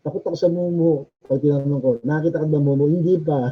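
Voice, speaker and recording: This sermon comes from a male chaplain whose fairly high voice holds a steady tone, moving fast with a breathy edge. He preaches conversationally, laughs a lot, and keeps asking his listeners questions, all captured on a dull lo-fi recording.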